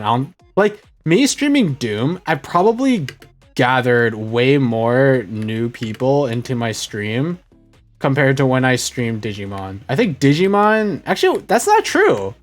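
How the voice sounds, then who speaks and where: A young male streamer with a medium-pitched voice chats casually while gaming. He rambles, corrects himself and often trails off quietly.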